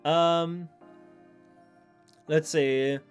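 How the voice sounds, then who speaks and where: Male live streamer, higher-pitched voice, loose rambling chat, faint music underneath. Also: steady tone, extremely slow, clear, resonant tone. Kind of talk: casual chat with stream viewers.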